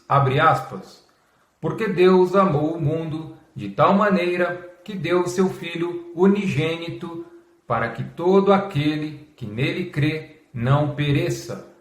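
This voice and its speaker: A Brazilian man narrates a scripted explainer in a fairly high-pitched voice. His delivery is formal and measured, like someone dictating a text. The room adds a clear echo around his words. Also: fairly bright tone. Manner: measured, formal reading that announces quotation marks aloud, as if dictating. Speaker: host of a religious history channel. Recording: echoey, reverberant room.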